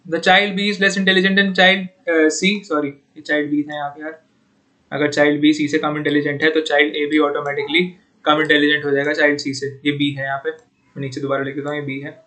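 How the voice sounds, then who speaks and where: A man's voice: a little high, pushed and bright. A young man teaching exam puzzles in a casual, chatty way, often calling his viewers "bhaiya" and "yaar". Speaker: online exam-prep tutor. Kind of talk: informal Hindi lesson solving puzzles.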